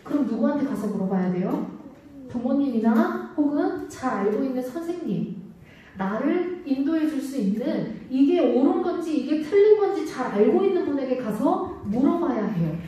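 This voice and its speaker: A woman's voice: sits high, expressive, moderate pace, dark tone. A woman preaching a children's sermon who asks the kids questions and answers them herself. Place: church sanctuary. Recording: echoey church hall, mic at a distance.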